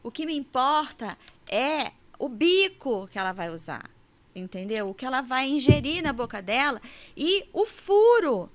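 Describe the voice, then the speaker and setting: A woman with a Brazilian accent, a guest specialist in infant feeding, telling stories in a casual podcast chat, animated and quick to laugh. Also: sits high. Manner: animated storyteller who acts out quotes and laughs often.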